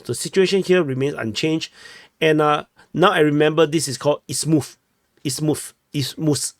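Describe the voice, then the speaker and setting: A young Singaporean man with a Singaporean English accent and a slightly high voice gives casual commentary over war maps from a small room at home. He speaks at a moderate pace, chatty and often correcting himself, tagging "no?" onto his points, and the sound is clean studio quality with no echo.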